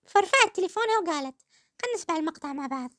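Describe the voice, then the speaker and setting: High-voiced sarcastic Kuwaiti woman host. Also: animated, rapid-fire, background noise. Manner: sarcastic, addresses listeners fondly. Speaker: podcast host. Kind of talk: satirical commentary.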